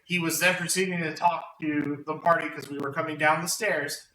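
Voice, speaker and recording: A man's voice: a little high, fairly even intonation, moderate pace, bright, forceful tone. A man casually recapping a tabletop game session for his friends, rambling and correcting himself as he goes. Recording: roomy, distant mic, faint hum.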